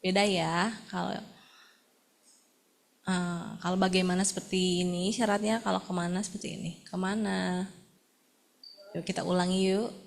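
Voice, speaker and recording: A woman's voice: fairly low pitch, flat delivery, moderate pace, creaky, pauses often. A woman, leading a sign language workshop and calling out words one by one for participants to practice. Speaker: workshop facilitator.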